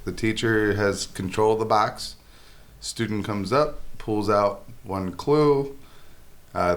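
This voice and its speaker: A man co-hosting an education podcast in casual chat, enthusiastic and joking. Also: on the low side. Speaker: podcast co-host.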